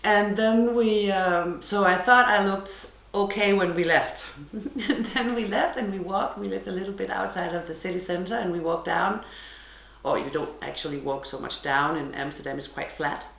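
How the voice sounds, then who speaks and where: Speaking at an ordinary pace with a mid-range, slightly bright voice and some vocal fry, a Danish podcast host chats to camera from her living room. Her monologue is casual and self-mocking, her Danish accent clear, and the room echoes.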